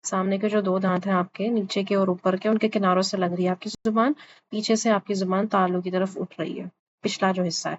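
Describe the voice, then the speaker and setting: This online lesson has a woman teaching Quran pronunciation in a mid-range voice that barely moves in pitch. She patiently repeats each letter's sound so the class can copy her. The recording is lo-fi and a bit dull, with a faint hiss.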